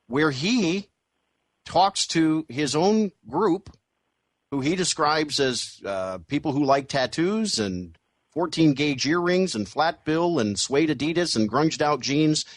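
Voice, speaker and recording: 50 yr old guy hosting talk radio, halting, lots of uh's, dry close sound. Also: on the high side, animated, no echo. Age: 50s. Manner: halting and probing, hedged with fillers and restarts. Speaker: radio talk show host. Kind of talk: radio interview.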